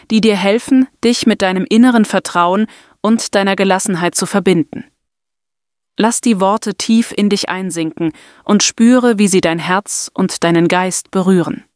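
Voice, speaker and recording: A woman narrating a scripted guided meditation and affirmations in a soft, soothing, deliberate manner. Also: mid-range voice, no room sound, clean studio sound.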